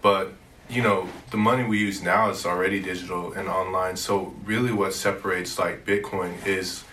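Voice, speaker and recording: A young man who grew up in Oklahoma, a student entrepreneur answering casual interview questions in a measured way, often saying "like". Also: sits low, fairly even intonation, pushed and bright, a little hiss or hum. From South Korea, raised in Oklahoma. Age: young adult. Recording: roomy, distant mic.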